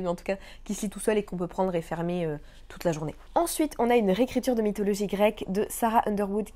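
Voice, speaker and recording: Young woman book vlogger, low mellow voice, chatty and excited, lots of ums. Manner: chatty, enthusiastic, with frequent fillers and English book terms. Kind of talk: casual chat.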